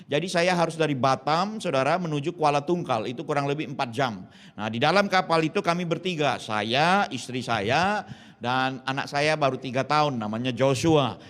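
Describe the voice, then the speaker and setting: A pastor in his fifties from Indonesia tells a sermon as a vivid story and keeps turning to his listeners. He acts out each person's lines and drops English phrases into his talk. His voice sits a little higher than most men's. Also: normal speed, fairly bright tone. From Indonesia (Jambi, Sumatra).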